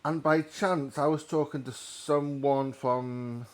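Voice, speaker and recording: A man's voice: medium pitch, fairly even intonation, slow. A man giving casual commentary while playing a train simulator, rambling and correcting himself as he goes. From North Wales. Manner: rambling, self-correcting storyteller.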